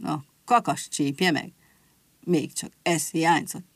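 A woman voicing a forgetful old grandpa rabbit who grumbles and mutters gruffly. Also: low-pitched, steady tone, no echo. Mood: grumbling.

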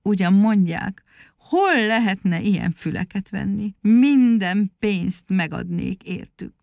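A woman reading a storybook aloud, voicing a sly, flattering trickster animal who poses as a singing teacher in a wheedling, theatrical tone. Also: mid-range voice, creaky, dry recording, studio quality. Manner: wheedling, fawning, theatrical praise.

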